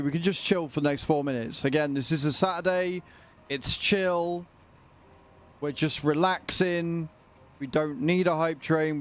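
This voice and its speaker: A man livestreaming a video game, chatting casually and informally with his viewers. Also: fairly high pitch. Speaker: livestreamer, gamer.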